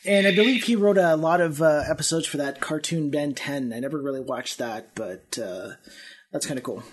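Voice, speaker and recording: Canadian guy hosting a podcast, kinda high voice, lots of uh and like. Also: normal speed, husky. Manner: relaxed, chatty, many fillers. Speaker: podcast host. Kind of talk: casual chat.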